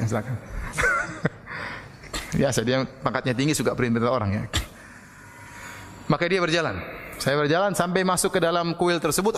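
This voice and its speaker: A fairly high-voiced male preacher telling stories with lively, loud bursts for effect. His voice carries a long reverb, as in a large hall with a listening audience. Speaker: Islamic preacher. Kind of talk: sermon with humorous storytelling.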